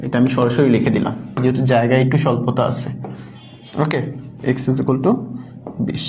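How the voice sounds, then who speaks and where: A man's voice: mid-range voice, steady tone, a little fast, mellow, slight background noise. A man teaching an online math lesson, patient, repeating each step and quizzing the class, mixing in English words. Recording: echoey room with faint ambience.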